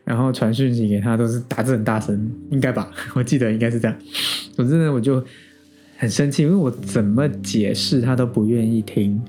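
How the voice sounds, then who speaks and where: Taiwanese mandarin accent, man in his thirties, podcast host, candid animated storytelling, mellow voice, faint guitar music behind. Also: mid-range voice, fairly quick. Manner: candid, animated, exasperated storytelling with frequent self-asides and laughs. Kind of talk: personal storytelling monologue.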